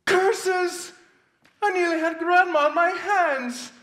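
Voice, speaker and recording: A woman's voice: very high-pitched, fairly even intonation, slow pace, a bit bright, full character voice. A woman voicing a sly, scheming male wolf villain in a sing-song, theatrical storybook musical. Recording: roomy studio with faint music.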